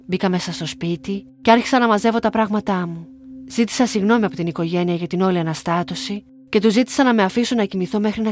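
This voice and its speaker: A young woman from Greece reading her own story aloud in a calm, measured way. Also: medium pitch. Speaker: narrator. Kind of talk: scripted first-person narration. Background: faint music.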